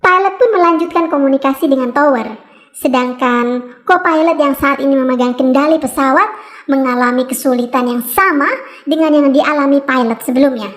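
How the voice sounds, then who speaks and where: A woman's voice: sits high, moderate pace. A woman reading scripted documentary narration as the narrator.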